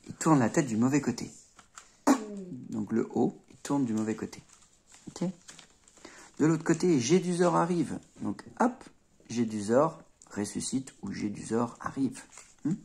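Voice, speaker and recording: A man's voice: medium pitch, gravelly, darkish tone, slightly rough. A man teaching a puzzle-solving tutorial in a casual, chatty way, often checking in with the viewer and marking each move with little sounds like "hop" and "tac". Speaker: Rubik's cube tutor.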